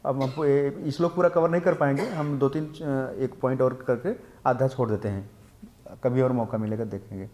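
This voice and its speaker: A man's voice: medium pitch, fairly even intonation, a little mellow. A man giving a lecture on scripture in a temple class, explaining Sanskrit verses, asking the listeners rhetorical questions and mixing English words into his Hindi. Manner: chants Sanskrit verses slowly. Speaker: temple speaker teaching scripture.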